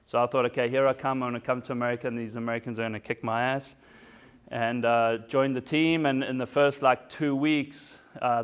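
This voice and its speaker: Smooth-voiced man, forties, from South Africa. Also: mid-range voice. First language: German. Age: 40s. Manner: casual, self-deprecating, often asks "right?". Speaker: keynote speaker. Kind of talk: motivational talk to a business audience.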